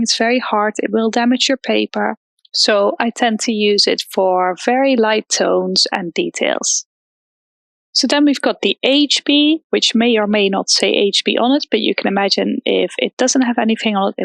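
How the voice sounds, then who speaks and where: A young art teacher from the Netherlands demonstrates basic drawing, explaining each step with some fillers. Her voice sits on the high side with vocal fry, captured dry in a hairdresser's salon used as a temporary studio.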